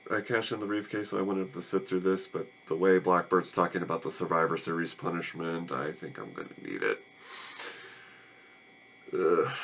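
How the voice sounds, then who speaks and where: A man's voice: low voice, creaky, fairly bright tone, slight background noise. A man casually reviewing a movie, rambling in a weary, sarcastic and annoyed way.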